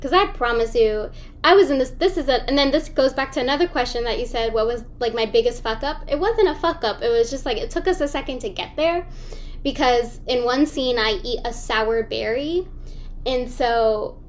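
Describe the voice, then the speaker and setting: Young woman guest, chatty and rambling, fry in her voice, slightly high-pitched. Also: moderate pace, a little hiss or hum. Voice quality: vocal fry. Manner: chatty, rambling, self-deprecating. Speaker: voice actress guest. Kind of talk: casual podcast interview.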